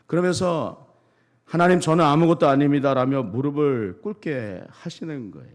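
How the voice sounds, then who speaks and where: Male pastor, sermon, storytelling delivery, animated pitch, middle-range voice. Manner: storytelling, dramatic retelling.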